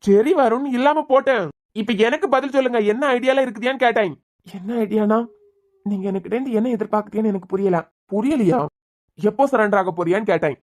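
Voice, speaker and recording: A woman's voice: a little high, quick pace, darkish tone, lightly acted. A woman with a Kanyakumari Tamil accent voicing a stern young male doctor who scolds and interrogates in a cartoon. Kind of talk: cartoon voice acting.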